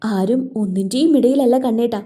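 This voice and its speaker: A woman's voice: on the high side, brisk, dark tone, natural voice. A woman voicing a hurt young wife who talks in a pleading, tearful way.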